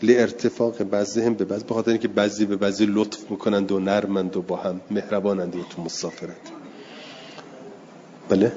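A man with a low, mellow voice teaches a class on a religious text, reading each passage slowly and then explaining it in plain terms. He pauses to answer students' questions. The recording is dull and lo-fi, with a long hall reverb behind him. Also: little pitch movement.

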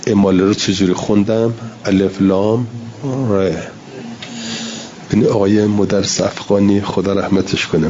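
A man's voice: sits low, a little mellow, dull audio, a little hiss or hum. A man lecturing a class on Quran recitation, reading Arabic lines and explaining them in casual Persian, sounding out examples and repeating himself.

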